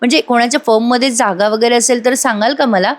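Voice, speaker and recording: Earnest young woman read by a woman, pleading, highish pitch. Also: fairly even intonation, fast, close to an everyday voice.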